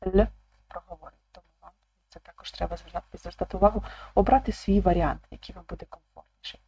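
A woman teacher explaining an online language lesson calmly, repeating each word aloud. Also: lowish voice, breathy edge, poor audio. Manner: calm, slow, repeats words aloud.

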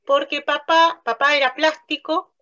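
An older Italian woman, a theatre narrator and director, is an interview guest recounting memories in a casual, hesitant way, with many fillers and restarts and frequent laughter. Her voice is high, pushed and bright, with fairly even intonation and a measured pace. She's on a video call, webcam facing her, in a small room with a plain light wall, and the highs are cut off.

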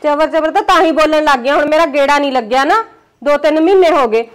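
A woman's voice: high-pitched, fast talker, close to an everyday voice. A middle-aged woman, acting a scornful, meddling aunt in a village family drama series. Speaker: paternal aunt (bhua) pushing a match.

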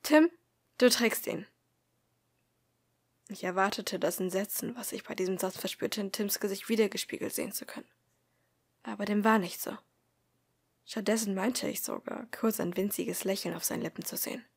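A woman reading a fan fiction audiobook in a soft, often half-whispered narration. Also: mid-range voice, fairly even intonation, a little fast, creaky, husky. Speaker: audiobook reader.

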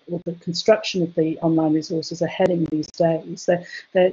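A woman's voice: lowish voice, dark tone, breathy edge. Hesitant woman giving a chemistry webinar. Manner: hesitant, many fillers and restarts. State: losing her voice, coughing. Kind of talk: academic webinar talk. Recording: dull lo-fi webinar audio.

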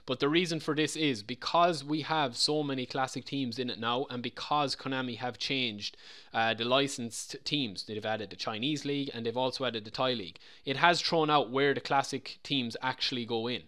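Brief: casual male tutorial presenter, mid-pitch, loose and repetitive delivery. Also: steady tone, moderate pace, a bit bright. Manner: chatty, loose, repeats himself. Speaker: game modding tutorial presenter. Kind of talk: casual screen-recorded tutorial.

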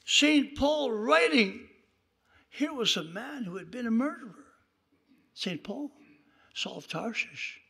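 A male preacher telling stories in a sermon, dramatic and breaking into shouts at the high points. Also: lively intonation, slow, gravelly, pauses often, husky. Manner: dramatic, bursts into shouts at climaxes. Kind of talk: sermon storytelling.

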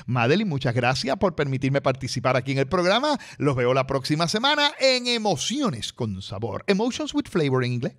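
A man's voice: mid-range voice, big pitch swings, normal speed, few pauses, a bit bright. A man presenting a radio technology segment, talking chattily and straight to the listeners. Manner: chatty, addresses listeners directly.

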